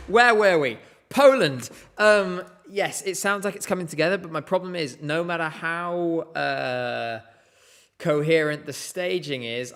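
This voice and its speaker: A man hosts a live stream from his home, talking casually and laughing often. His voice sits a little high, and he keeps a running chat going while he reads out viewer comments. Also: gravelly, fairly bright tone. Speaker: livestream host.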